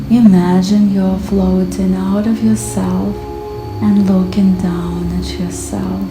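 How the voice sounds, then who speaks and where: A woman guiding hypnosis in a slow, calm, soothing hypnotist voice, with long pauses between short phrases. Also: mid-range voice. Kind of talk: slow guided hypnosis narration. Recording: echoey voice over background music. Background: music.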